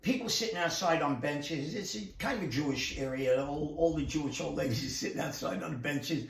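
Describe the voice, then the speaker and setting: A man's voice: a little high, a little fast, vocal fry, slight background noise. An older man with a New York accent, telling a street story in a rambling, repetitive way as an interview guest. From Brooklyn, New York. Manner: rambling, repeats words, acts out voices in stories. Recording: echoey room, distant from mic.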